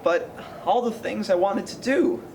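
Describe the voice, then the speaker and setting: A man's voice: high-pitched, measured pace, a little mellow, slight background noise. A man playing a desperate young husband in an amateur stage play, pleading and frantic. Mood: bewildered.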